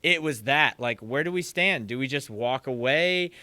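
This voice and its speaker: A man guest on a podcast telling stories in casual talk, animated and acting out quotes. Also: medium pitch, normal speed, clear, resonant tone, dry recording. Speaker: podcast guest, percussion teacher. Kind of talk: casual interview storytelling.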